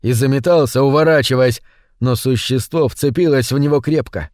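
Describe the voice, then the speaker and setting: A man narrating a scripted horror story in a measured, suspenseful way. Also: medium pitch, a little mellow, no echo, clean studio sound.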